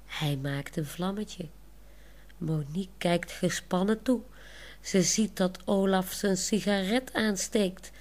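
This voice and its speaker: A woman calmly narrating a children's audiobook chapter. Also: medium pitch, slow.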